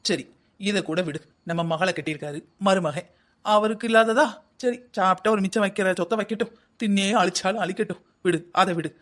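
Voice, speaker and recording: A nagging older husband in a cartoon, as voiced by a performer, talking in a quick, middling-pitched voice with a South Tamil Nadu accent. He scolds and grumbles about the household without pause. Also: lightly acted. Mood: grumbling. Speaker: voice actor in a family cartoon. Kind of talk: cartoon family comedy acting.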